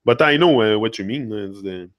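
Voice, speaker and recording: A brisk, expressive Québécois host with a lowish voice reads comments on a casual livestream, switching back and forth between French and English in the middle of thoughts. He habitually adds "là" to phrases, and the recording is dry.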